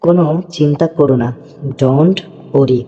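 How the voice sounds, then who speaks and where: A man gives a slow, patient language lesson in a very dark, mellow voice. He repeats each word and keeps checking that his students follow. The audio is dull and lo-fi, with a long reverb trailing behind him. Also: a little high. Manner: patient, repeats words, often checks understanding. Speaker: English teacher.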